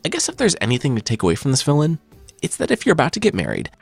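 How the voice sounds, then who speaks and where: A man's voice: fairly high pitch, huge pitch swings, very fast, gravelly, breathy edge, faint music behind. A man hosting a podcast, giving scripted narration in a wry, sarcastic storytelling manner. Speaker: podcast host and writer.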